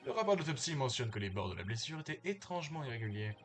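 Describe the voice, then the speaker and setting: A man reading aloud as a smooth, teasing young male prosecutor from a video game. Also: medium pitch, sing-song, quick pace, soft background music, natural voice. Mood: smug.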